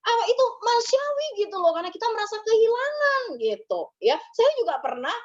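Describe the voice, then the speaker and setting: A woman's voice: extremely high pitch, big pitch swings, fast talker, highs cut off. A woman pastor giving a conversational memorial sermon, often ending her phrases with little tag words. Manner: conversational, tags phrases with ya and gitu.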